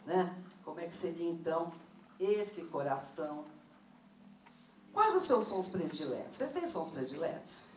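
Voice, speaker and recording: A woman, leading a workshop for teachers and firing questions at the audience. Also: on the low side. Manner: lively, asks the audience questions. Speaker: teacher trainer. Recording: roomy, distant mic, noisy room.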